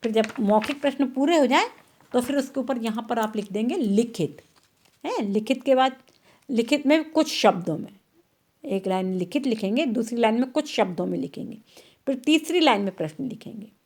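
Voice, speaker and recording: Woman teacher, online lesson, slow repetitions, frequent check-ins with pupils. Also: on the high side, lively intonation, darkish tone. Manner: patient, repeats words slowly and checks with "thik hai na".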